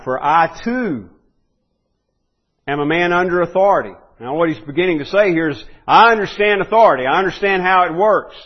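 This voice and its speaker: A man's voice: mid-range voice, muffled recording. A man preaching a sermon in an earnest way, often restarting and rising in force when he stresses a point.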